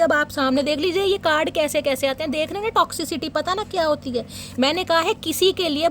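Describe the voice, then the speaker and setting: A woman's voice: sits high, a little hiss or hum. A woman doing a casual tarot reading for her viewers, chatty and teasing, laughing often and chanting short invocations while she shuffles. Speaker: tarot reader.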